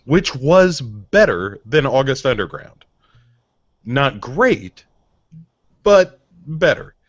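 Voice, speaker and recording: A man's voice: mid-range voice, sing-song, slow, no echo. A man co-hosting a live horror podcast, listing bad movies in a laid-back, profane way. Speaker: podcast co-host. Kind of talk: casual chat. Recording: dull dry sound.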